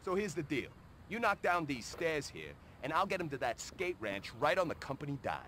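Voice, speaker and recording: An actor playing a greedy, pushy worker in a video game, brash and wisecracking. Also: male voice, fairly high pitch, big pitch swings, moderate pace, fairly bright tone, slight background noise. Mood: brash scheming. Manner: brash wisecracking streetwise talk. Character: greedy blue-collar male worker, pushy schemer.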